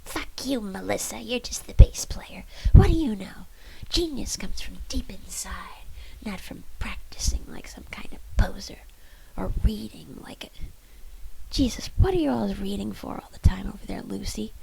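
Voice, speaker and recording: A woman voicing a whiny, bratty young male punk guitarist who squeaks and shouts like a toddler, in a whispered role-play. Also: moderate pace, gravelly, husky, exaggerated voice, rough recording. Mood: scornful.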